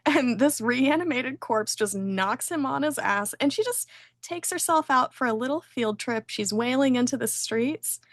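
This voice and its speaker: A woman's voice: sits high, lively intonation, normal speed, dry recording. Woman host, gushing and playful recapper, dry close-miked voice. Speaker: podcast host. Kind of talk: casual episode recap.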